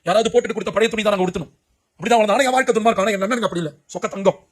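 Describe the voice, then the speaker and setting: A man's voice: high-pitched, rapid-fire. Male preacher, emotional testimony sermon, rattles along at breakneck speed, urgent and impassioned. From Puducherry, India. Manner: emotional, urgent, cries out to young listeners. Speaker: preacher giving his testimony.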